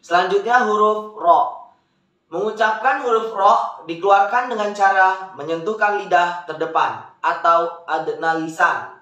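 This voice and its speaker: A Quran recitation teacher patiently drills Arabic letter sounds step by step, lifting the syllables into sung tones. His high, bright voice is forceful yet fairly even and a little slow, recorded muffled in an echoey room.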